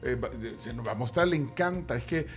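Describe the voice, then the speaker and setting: A man hosting a radio interview, talking haltingly with many restarts in a studio. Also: medium pitch, expressive, faint music behind. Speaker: radio host. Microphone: studio microphone with headphones.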